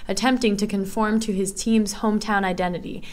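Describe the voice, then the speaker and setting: A young woman narrating her student essay in a measured, earnest reading voice. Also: mid-range voice, fairly even intonation. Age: young adult.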